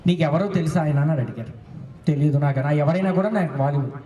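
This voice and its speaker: A man's voice: a little high, fast talker, dark tone, a little hiss or hum. A man, a former national volleyball player, giving an earnest motivational speech with a personal story, mixing in English phrases. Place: school event hall. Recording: echoey hall, voice from far off.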